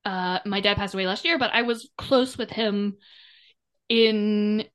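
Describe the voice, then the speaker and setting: A woman co-hosting a podcast in casual chat, talkative and quick to laugh. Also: mid-range voice, clean tone. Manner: chatty, laughs often, animated retellings. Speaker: podcast co-host.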